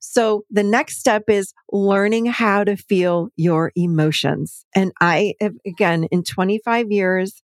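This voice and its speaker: Animated woman therapist, very dry sound. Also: medium pitch, takes it slowly, hardly any pauses, dry recording. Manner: animated, acts out clients' quotes in livelier voices. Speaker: therapist and podcast guest. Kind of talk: conversational interview.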